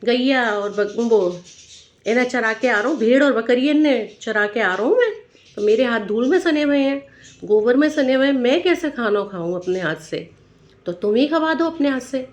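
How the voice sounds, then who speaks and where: A hungry little cowherd boy with a Braj accent, played by a woman storyteller, coaxing and pleading to be fed. His voice is fairly high, and he begs gently in a plain storybook telling. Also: lively intonation, moderate pace, muffled recording, lightly acted.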